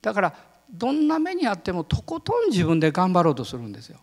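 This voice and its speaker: A male pastor giving a sermon, telling a personal story in an animated way and laughing often. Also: high voice, fast talker, big-room sound.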